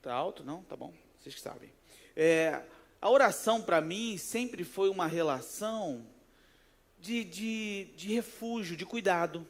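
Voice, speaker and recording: A man's voice: high voice, measured pace. A man with a Rio de Janeiro accent, preaching a casual, conversational sermon in church, telling personal stories and playfully acting out the voices in them. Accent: Rio de Janeiro Portuguese. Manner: animated storytelling, acts out quoted voices, jokes with the congregation. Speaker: pastor. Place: church sanctuary.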